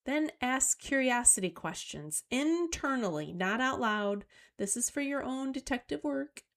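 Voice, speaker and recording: A middle-aged woman hosting a solo talk on emotional skills, coaching listeners in a slow, deliberate way. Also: sits high, animated, a bit bright. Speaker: host.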